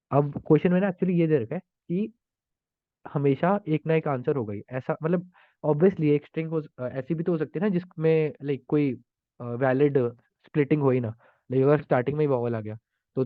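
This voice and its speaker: Over a dry, echo-free, phone-like recording, a male programming tutor with a mid-range voice works through contest solutions in real time. He thinks out loud, stumbling into many fillers and restarts.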